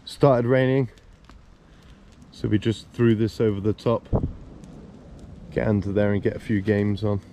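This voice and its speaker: A man talks through a camping trip in an easy, offhand way. His voice is dark and mellow. He is outdoors in a wood, on a handheld camera. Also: fairly low pitch, a little slow, pauses often, a little hiss or hum. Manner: relaxed, offhand commentary. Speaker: vlogger. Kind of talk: casual vlog narration. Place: woodland camp, outdoors.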